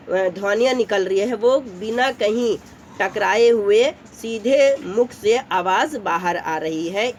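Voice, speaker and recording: Woman teacher at mid pitch, slow and patient, demonstrating vowels by stretching them out, faint ambient hum behind. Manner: slow, patient explaining, often checks in with the class; draws out vowel sounds to demonstrate. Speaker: school teacher. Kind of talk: classroom grammar lesson.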